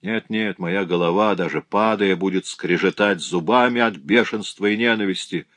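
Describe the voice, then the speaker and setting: A man's voice: deep voice, moderate pace, fairly bright tone, no room sound. A man reading an audiobook aloud and voicing a cruel, unrepentant old widow who speaks with sarcasm and cold fury. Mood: bitter sneering. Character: vicious old widow, a murderer facing execution, sneering and unrepentant.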